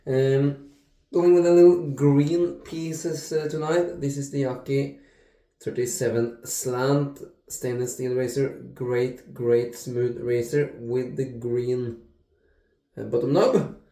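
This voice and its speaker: Slow, easygoing man in an echoey room. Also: mid-range voice. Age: 30s. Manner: relaxed, slow, with many fillers and restarts. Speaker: shaving video host. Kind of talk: casual talk-through vlog.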